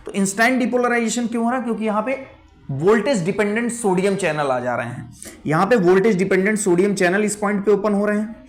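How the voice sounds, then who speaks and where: A man teaching pharmacology at a whiteboard, mixing English terms into his lecture, asking questions and answering them himself, and repeating key points. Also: high voice. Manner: mixes English terms into Hindi.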